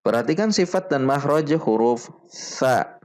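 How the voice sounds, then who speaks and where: A man teaching Quran recitation rules step by step, slowly repeating each syllable for drill. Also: expressive. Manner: chants the Arabic verses in a higher, fuller voice. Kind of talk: slow step-by-step tajwid lesson.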